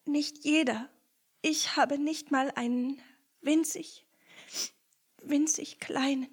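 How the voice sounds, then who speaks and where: A woman voicing a timid female rat who talks softly and wistfully. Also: high voice, steady tone, a little slow, slightly rough. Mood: earnest. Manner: soft, sighing, wistful.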